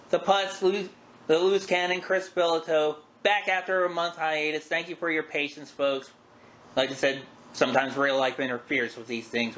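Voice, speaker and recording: A middle-aged man with a forceful, somewhat high voice hosts a casual podcast. He tells stories in a folksy, wry manner. The room is echoey, with some noise behind him. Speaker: podcast host. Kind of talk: casual chat, reminiscing about wrestling. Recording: roomy echo with background noise.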